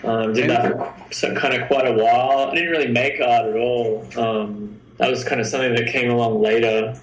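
A young Australian man being interviewed, easygoing and hesitant, filling pauses with lots of ums. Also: mid-range voice, fairly even intonation. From Sydney, Australia. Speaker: guest artist. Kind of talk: casual interview chat. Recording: echoey room.

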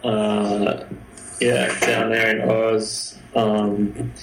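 A young Australian man being interviewed, easygoing and hesitant, filling pauses with lots of ums. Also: on the low side, level tone, a little hiss or hum. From Sydney, Australia. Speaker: guest artist. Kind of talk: casual interview chat. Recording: echoey room.

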